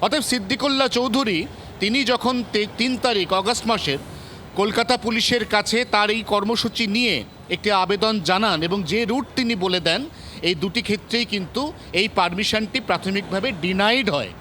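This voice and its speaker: Faint traffic hums outdoors as a brisk male field reporter, speaking with a West Bengal Bengali accent, explains the news live. His voice is high and forceful, and he stresses each point in turn.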